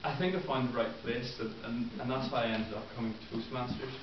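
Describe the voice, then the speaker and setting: Brisk and steady in tone, a mid-range male voice carries a first speech at a club meeting. The speaker, a man in his twenties from Northern Ireland, is earnest and prepared yet leans on frequent ums and uhs. Captured from a distance in the room, the sound is muffled and hissy.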